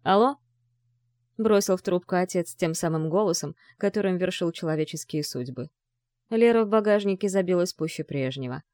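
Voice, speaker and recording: A woman narrating a dark thriller audiobook in a steady, tense storytelling voice. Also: on the low side, brisk, no echo, clean studio sound.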